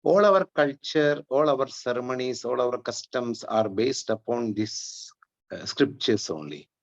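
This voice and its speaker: A man, giving an online Vedanta lesson in a measured explanatory way, with chanted Sanskrit prayers. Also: medium pitch, animated, vocal fry, highs cut off. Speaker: Vedanta teacher. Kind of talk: online class lecture.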